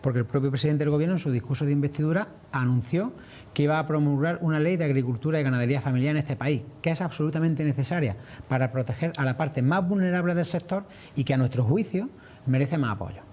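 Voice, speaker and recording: A man's voice: fairly high pitch, fast, a little mellow. A man answering as a farmers' representative in a broadcast interview, earnest and explanatory.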